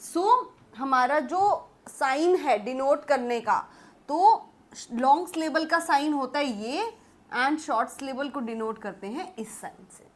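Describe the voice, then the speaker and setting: A young woman teaching English literature in a patient classroom-style lecture, slowly reading English definitions and explaining them. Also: high-pitched. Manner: explains patiently, calls students "beta", slow English read-outs.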